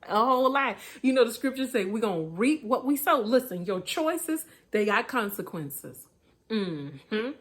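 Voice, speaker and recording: A woman's voice: a little high, lively intonation, normal speed, hardly any pauses. A woman preaching casually about choices, talking colloquially, repeating herself and laughing at her own asides. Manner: colloquial, repetitive, laughs at herself, many restarts. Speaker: preacher, motivational speaker.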